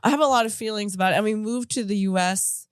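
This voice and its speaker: A fast-talking woman with a medium-pitched, clean-toned voice, she is in her thirties, grew up in Japan and appears as a comedian guest on a podcast recorded in a studio. Her casual stories wander and cut themselves off, punctuated by frequent laughs. There's no echo, and the audio is studio grade.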